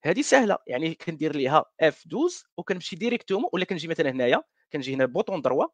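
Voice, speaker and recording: Brief: Moroccan man presenting a tech workshop, rapid and animated, French words mixed in, dry close sound. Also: a little high, dry recording. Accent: Moroccan Darija. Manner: mixes French words, many restarts and fillers. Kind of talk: live coding walkthrough.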